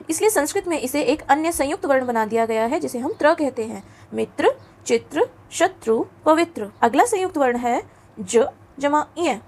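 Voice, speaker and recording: A woman with a high, light voice teaches schoolchildren in a patient, coaxing way. She keeps checking in with questions, mixes English words into her speech and slows down to pronounce each letter clearly. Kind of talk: classroom lesson for children.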